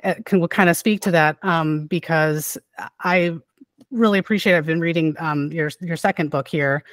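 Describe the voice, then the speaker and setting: A podcast host chats with a guest in an easy, affirming way, full of "um" and "you know". The voice sits at a middle pitch. It is recorded dry and close, with little room. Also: normal speed, no room sound. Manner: chatty and affirming, many "um" fillers and backchannels. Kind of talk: casual podcast interview.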